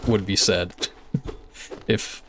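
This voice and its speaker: With music playing behind him, a young man streams a game in an extremely slow, low, creaky voice with fairly even intonation. He's chatty and easygoing, reading chat and commenting casually while dropping "like" constantly.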